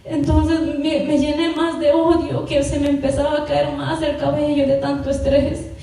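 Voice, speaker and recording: A woman's voice: sits high, level tone, moderate pace, gravelly, dark tone, a little hiss or hum. A young woman from Peru telling her personal testimony in church, emotional and repetitive, acting out what each person said. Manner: emotional, repetitive storytelling with quoted dialogue. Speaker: church member giving testimony. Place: church hall. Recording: distant, very echoey church hall.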